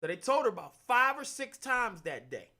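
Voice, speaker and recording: A young adult man telling stories casually, animated, acting out the quotes with big jumps in his voice. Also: very high-pitched, moderate pace. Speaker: actor telling stories on a talk stream. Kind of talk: casual storytelling.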